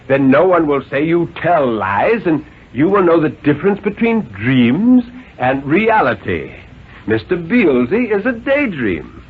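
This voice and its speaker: A man's voice: a little high, breathy edge, exaggerated voice. A man playing an overbearing, condescending father who lectures his small son in a pompous, emphatic way, in a 1950s radio reading. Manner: pompous, insistent, jolly-patronizing, emphatic. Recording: tinny, noisy 1950s radio recording.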